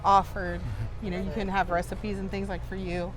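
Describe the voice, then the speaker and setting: A woman's voice: mid-range voice, level tone, normal speed. A woman co-hosting a travel vlog in casual, matter-of-fact chat while walking. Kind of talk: casual walk-and-talk chat. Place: outdoors, walking along a resort path. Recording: noisy outdoor ambience with vehicles.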